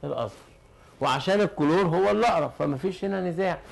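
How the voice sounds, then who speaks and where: A man with an Egyptian Arabic accent teaches a chemistry class, breaking things down step by step and posing questions that he answers himself. His voice is high and creaky, and he talks at a racing speed.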